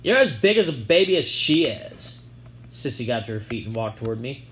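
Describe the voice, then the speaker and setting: A man's voice: on the low side, little pitch movement, quick pace, natural voice. A man reading an audiobook, voicing a sly, show-off young girl who taunts in a sing-song way. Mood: taunting.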